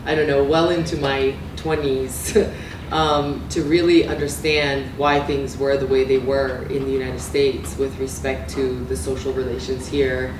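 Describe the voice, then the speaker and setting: A woman's voice: very deep voice, little pitch movement, measured pace, noisy background. A middle-aged woman from Romania giving an academic lecture, talking conversationally with many fillers and restarts. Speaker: guest lecturer. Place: lecture room. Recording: echoey room from far off.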